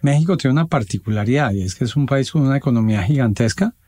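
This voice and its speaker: A Colombian man answering interview questions in a measured, formal, explanatory way, with pauses. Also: medium pitch, expressive, dark tone, no room sound. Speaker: guest, association president.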